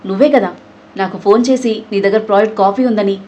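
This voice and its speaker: Woman doing shifty man, business rival, defensive, quick. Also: medium pitch, fairly even intonation, mellow, muffled recording, close to an everyday voice.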